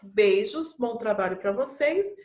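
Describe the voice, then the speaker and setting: A woman's voice: a little high, lively intonation, a little slow, a little mellow, echoey room. A woman primary school teacher with a Brazilian Portuguese accent, giving a recorded online class and patiently explaining each task step by step to young pupils. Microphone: camera mic.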